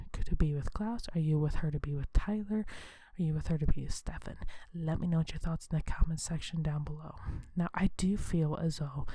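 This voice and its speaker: A woman hosts an ASMR video, whispering softly and breathily in a low voice. She talks in a hushed, unhurried, conversational way.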